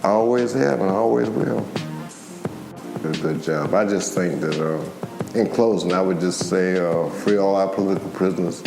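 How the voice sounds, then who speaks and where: Speaking at a moderate pace, this older man has a low-pitched voice with vocal fry. A political activist and former militant, he gives a fiery, colloquial political speech, hammering points home by repeating phrases. Music plays behind him in an echoey room.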